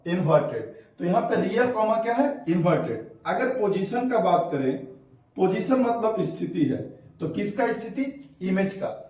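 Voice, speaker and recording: A man's voice: high-pitched, darkish tone. Guy teaching physics, keeps asking then answering his own questions, really echoey room. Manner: asks the class questions and answers them himself, repeating key terms; mixes Hindi with English terms, calls students by pet names. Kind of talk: classroom physics lesson. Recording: echoey room, far from the mic.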